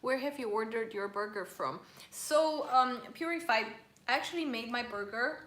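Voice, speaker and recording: A woman's voice: fairly high pitch, lively intonation, normal speed, a bit bright, reverberant. A woman hosting a casual live stream, chatting and reading viewer comments aloud while she eats.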